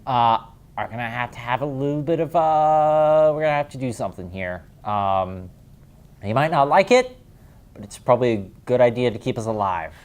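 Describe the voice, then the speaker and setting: A man voicing a mysterious wealthy man who gives brisk, commanding orders. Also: mid-range voice, expressive, natural voice.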